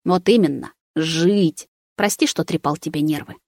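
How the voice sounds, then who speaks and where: A woman voicing a tired, resigned young man in an audiobook, close to her own lowish voice. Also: normal speed, a little mellow, no echo.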